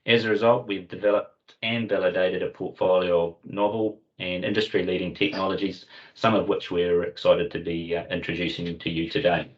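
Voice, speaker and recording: A man with a New Zealand Kiwi accent hosting a webinar, giving a formal, measured corporate introduction. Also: deep voice, level tone. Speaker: webinar host and company commercial lead. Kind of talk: semi-scripted corporate presentation introduction. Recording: dull, lo-fi online meeting audio.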